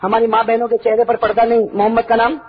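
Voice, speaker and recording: A male preacher with a Pakistani Urdu accent giving a fiery sermon, crying out loudly and then dropping to hushed asides, calling on the crowd to answer. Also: extremely high pitch, monotone. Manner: impassioned, swings from loud cries to hushed asides, calls for crowd response. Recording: dull lo-fi recording.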